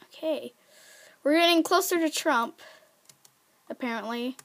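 A woman giving casual, excitable commentary while playing a game, chatty and prone to squeals. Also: high voice, unhurried. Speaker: gaming video creator.

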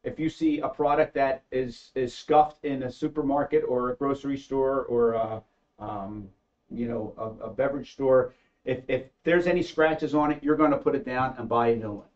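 A middle-aged man, a company engineer and co-inventor, explains how a machine was invented during a casual panel discussion on a studio set with a backdrop. His medium-pitched, darkish voice has fairly even intonation and a moderate pace. He sounds hesitant, pausing often on ums and uhs, and the modest studio setup makes him sound a little dull and mid-range.

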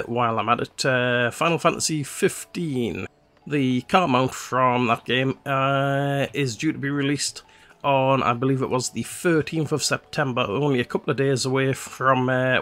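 A man hosts a let's play, talking casually and rambling about his gameplay with plenty of "uh" fillers. His voice is medium-pitched and a little slow, slightly nasal from a cold, with faint music behind him. He sounds relaxed throughout.

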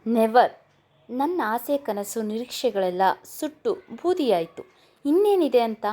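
A woman's voice: a little high, very animated, unhurried, mellow. A woman voicing a bitter heartbroken young husband. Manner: bitter, firm.

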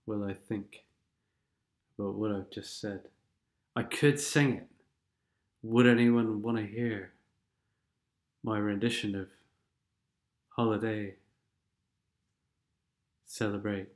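Stuffed up from a cold, this male gaming commentator speaks slowly in a fairly low voice, with fairly even intonation and long pauses. He rambles sardonically over game replays, occasionally singing bits of songs.

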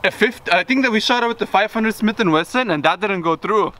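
Excitable man hosting outdoors. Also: high voice, a little fast, slight background noise. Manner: excited, laughing often. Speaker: video host. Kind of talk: casual vlog commentary. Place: outdoors in an orchard.

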